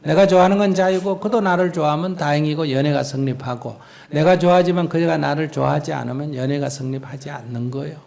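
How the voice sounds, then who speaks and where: Male monk, gravelly tone, slightly high voice, blunt and teasing Q&A advice. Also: steady tone, fast, few pauses, a little mellow. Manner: blunt, teasing, acts out quoted lines. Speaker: Buddhist monk giving advice. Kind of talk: live Q&A dharma talk. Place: lecture hall with audience.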